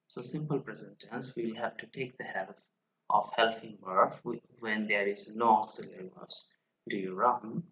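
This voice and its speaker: A man teaching English grammar in an online lesson, slowly explaining rules and reading example sentences aloud. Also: fairly low pitch, pushed and bright, lo-fi sound.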